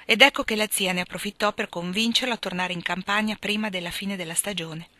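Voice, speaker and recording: A woman reading a novel aloud in a measured, clear narration. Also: medium pitch, sharp tone, no echo. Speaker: reader.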